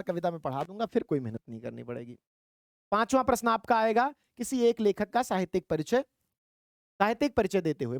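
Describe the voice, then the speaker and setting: A man teaching a Hindi exam prep lesson, explaining step by step and reading verse slowly. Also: high voice, darkish tone, dry recording, clean studio sound.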